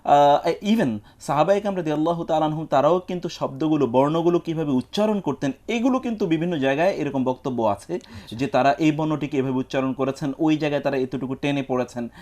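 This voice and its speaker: A man, an Islamic scholar, giving measured, teacherly answers on a live television question-and-answer show, weaving in Arabic quotations. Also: on the high side, darkish tone. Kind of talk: explanatory religious talk. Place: television studio.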